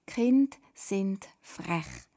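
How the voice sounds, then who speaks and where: A woman voicing a foreign young woman who speaks slowly in broken, careful phrases, with a Swiss German accent. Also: mid-range voice, very animated, mellow, heavily acted. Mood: earnest.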